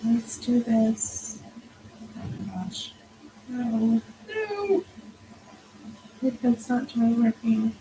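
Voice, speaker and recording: Tired woman chatting softly while stitching. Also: fairly high pitch, a little hiss or hum, rough recording. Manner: chatty, self-mocking, often half-whispered while counting stitches. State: tired, yawning. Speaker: crafting vlogger. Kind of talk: casual chat while stitching.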